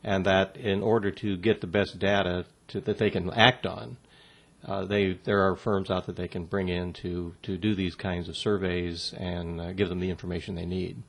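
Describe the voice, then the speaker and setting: A man answering interview questions about workplace communication in a measured, halting way with many fillers and restarts. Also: deep voice, level tone, vocal fry.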